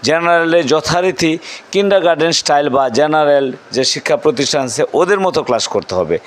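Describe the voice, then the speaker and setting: A man's voice: on the high side, animated, fast. Bangladeshi man addressing parents, many restarts. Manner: speaks plainly with frequent restarts and self-corrections. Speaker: madrasa principal.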